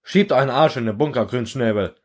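A man voicing a gruff, battle-hardened veteran soldier who speaks dry and blunt. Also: medium pitch, brisk, a little mellow, close to an everyday voice.

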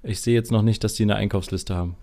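A man's voice: on the low side, fairly even intonation, quick pace, mellow. A man in his thirties co-hosting a podcast, chatting casually and thinking aloud with many hesitations. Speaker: podcast co-host. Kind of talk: casual chat.

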